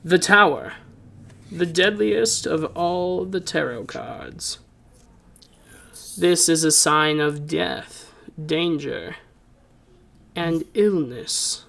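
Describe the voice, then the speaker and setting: Old woman fortune teller played by a man, tabletop role-play: commanding, ominous, unhurried, with vocal fry. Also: on the high side, animated, fairly bright tone, heavily acted. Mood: solemn, portentous.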